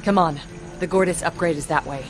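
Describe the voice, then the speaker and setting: A somewhat low female voice with clear music behind it, acted for a video game. She is a tough, confident warrior who instructs coolly and plainly. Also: fairly quick, lightly acted. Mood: cool, instructing. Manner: cool, matter-of-fact, instructing. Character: confident, tough woman vault hunter and mentor.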